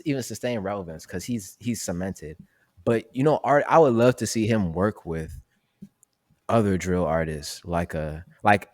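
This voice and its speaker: Laid-back young man, low voice, slangy. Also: no room sound. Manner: loose, rambling, heavy on fillers and slang. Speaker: podcast co-host. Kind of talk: casual chat.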